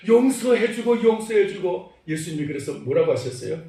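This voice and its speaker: High-pitched male pastor preaching, acts out little scenes, asks the crowd stuff, big echoey church, mic kinda far. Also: brisk. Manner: animated, acts out dialogue, asks the congregation questions. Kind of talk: sermon. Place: church sanctuary.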